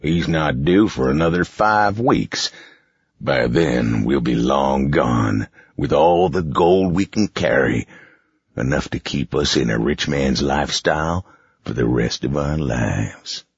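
Storybook villain, sneering mine boss read by a man, deep slow drawl, muffled sound. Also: lively intonation, slightly rough, no room sound, exaggerated voice. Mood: menacing. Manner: slow, gloating, menacing. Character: scheming, sneering male mine boss, adult. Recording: dull, muffled recording.

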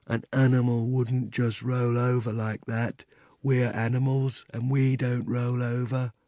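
A man voicing plodding talking bears in a storybook reading, slow and soft. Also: mid-range voice, little pitch movement, no echo, natural voice.

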